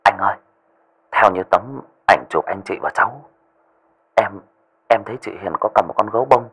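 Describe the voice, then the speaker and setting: A man's voice: fairly low pitch, moderate pace, a bit bright, slightly rough. A man voicing a hesitant young gang underling who stammers on the phone.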